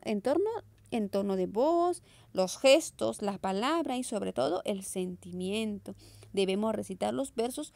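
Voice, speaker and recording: A woman's voice: on the high side, creaky, dry recording. A young woman teaching an online class, asking questions and answering them herself. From Peru. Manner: lively questioning, answers her own questions. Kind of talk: virtual class lesson.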